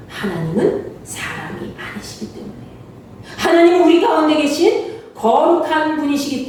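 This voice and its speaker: A woman's voice: sits high, dark tone, a little hiss or hum. A woman pastor preaching a sermon, asking the congregation questions and acting out the quoted lines. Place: church sanctuary. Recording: very echoey hall, voice from far off.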